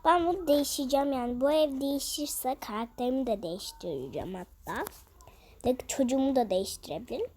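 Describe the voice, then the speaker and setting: High-voiced exasperated woman vlogger. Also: expressive, fast talker, a little mellow. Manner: exasperated, venting rants. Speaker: game vlogger. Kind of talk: casual game commentary to viewers.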